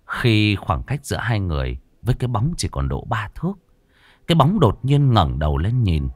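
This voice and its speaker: A man narrates a horror audiobook dramatically. His voice is fairly low, and it rises and falls widely. The recording is dry and close-miked. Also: no room sound. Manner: expressive, dramatic.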